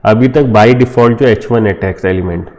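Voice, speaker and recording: A man's voice: fairly low pitch, normal speed, a little mellow. A man with an Indian accent giving an informal coding lesson over a screen recording, often checking in with his viewers as friends. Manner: informal, addresses viewers as friends, frequent "theek hai" fillers. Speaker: coding tutor.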